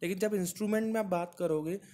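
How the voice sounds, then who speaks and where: A man's voice: sits high, quick pace, warm tone. A man teaching an exam-prep lesson, explaining step by step and answering his own questions, with frequent "right?" checks.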